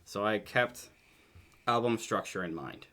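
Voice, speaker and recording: A man's voice: lowish voice, lively intonation, a little slow, a bit bright. A man in his twenties, a podcast co-host, explaining his take at length in loose, rambling casual chat.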